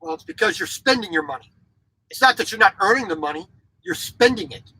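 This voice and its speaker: This is a trucker in his forties filming a vlog inside his cramped sleeper cab, an opinionated guy who raised as a military kid in Japan and who restarts and repeats himself through a blunt, casual monologue. His voice sits high and moves with lively intonation at a fairly quick clip. It sounds sharp and slightly rough, and the recording itself is rough.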